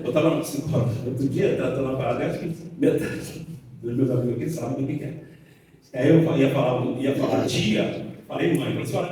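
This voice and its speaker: A man with a Brazilian Portuguese accent gives an informal lecture as a seminar speaker before an audience in a large hall. His voice is mellow and a little high, and he chats and jokes, using slang and acting out little quotes. The recording is echoey, with the mic far away.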